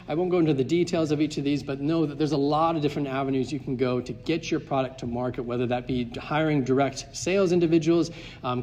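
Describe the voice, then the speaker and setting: A man's voice: medium pitch, darkish tone, slight background noise. A man giving a structured conference presentation as a consultant, stressing key points and walking through numbered questions. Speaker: market access consultant. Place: conference hall. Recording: live talk in a hall.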